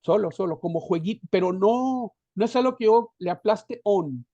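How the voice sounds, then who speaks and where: A fairly high, mellow-toned man in his fifties talks as a guest over a video call. He rambles and drifts between thoughts, restarting often. The sound is dry and muffled, like lo-fi online call audio. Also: moderate pace, no echo. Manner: rambling, digressive, many restarts. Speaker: guest copywriter. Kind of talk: casual conversational interview. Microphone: headphones on a video call.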